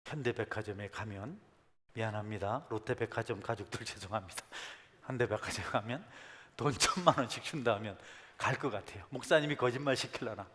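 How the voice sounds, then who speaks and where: A male pastor preaching a sermon. He swings from soft asides to emphatic calls. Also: mid-range voice. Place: church sanctuary. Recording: long church hall reverb.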